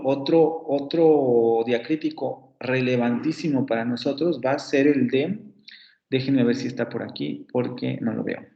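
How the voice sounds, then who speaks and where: A man with a Mexican Spanish accent teaching a university class in an explanatory way, saying example words over and over and often correcting himself mid-sentence. His voice sits at an ordinary middle pitch. The sound is roomy and a little dull, as if picked up by a computer microphone. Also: gravelly, darkish tone. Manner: explanatory, repeats example words aloud, frequent self-corrections. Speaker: university lecturer. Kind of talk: online lecture on phonetics.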